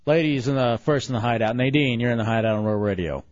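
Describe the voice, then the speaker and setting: A man hosting a talk radio show, bantering with his co-host and taking callers, quick to protest when teased. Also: mid-range voice, a little mellow, no room sound. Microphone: studio broadcast mic. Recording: dull lo-fi radio broadcast.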